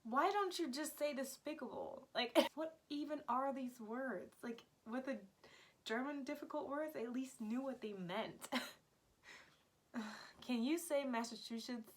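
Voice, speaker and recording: Her voice sits high and unhurried. She's a young Floridian language vlogger chatting casually to camera, laughing a lot and filling her speech with "like."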